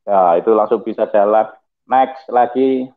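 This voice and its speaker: Lively preacher, tinny audio. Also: male voice, lowish voice, measured pace. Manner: lively, preachy, chuckling asides. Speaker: pastor giving testimony. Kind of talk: testimony talk over slides.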